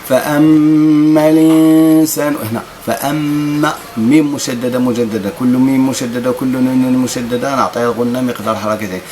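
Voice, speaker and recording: Moroccan guy teaching tajweed, drawn out chanting then fast explaining, faint hiss behind. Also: medium pitch. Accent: Moroccan Arabic. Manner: alternates drawn-out chanted recitation with quick explanations. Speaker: Quran recitation teacher. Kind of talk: tajweed lesson with slow demonstrative recitation.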